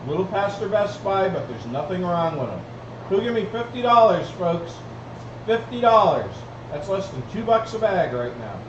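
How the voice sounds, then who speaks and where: A man with a high voice calls bids as an auctioneer at a live auction, repeating the numbers in a steady chant-like patter. He sounds some way from the microphone in an echoey room. The recording is dull. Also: normal speed. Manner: auctioneer's repetitive bid calling, addressing folks. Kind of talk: live online auction calling. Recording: roomy, distant mic, dull, clearly noisy.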